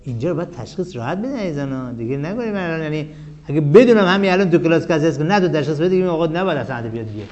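A man with a fairly high voice teaches a grammar class. He keeps asking his students questions and answers them himself. His phrases fall to a low murmur at the end, and he chants lines of verse slowly. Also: animated, a little mellow, highs cut off.

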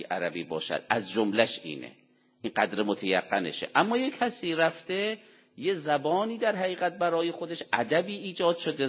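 Man lecturing over a tinny, echoey line. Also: medium pitch. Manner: poses rhetorical questions and answers them himself; deliberate, explanatory delivery with Arabic quotations. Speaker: religious lecturer. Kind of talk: Quran commentary lecture. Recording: tinny phone-like sound with long hall reverb.

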